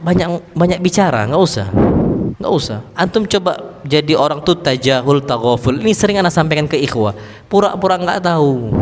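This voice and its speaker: Brief: male preacher, high voice, lively and humorous, quizzes the congregation, long echoey mosque hall. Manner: lively, humorous, asks the congregation rhetorical questions. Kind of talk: mosque sermon.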